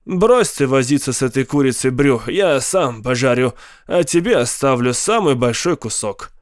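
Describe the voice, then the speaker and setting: A man voicing a scheming, moody middle-aged uncle who talks in a sly, coaxing way, pitched higher than his narration. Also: animated, normal speed, no room sound, studio quality, close to an everyday voice.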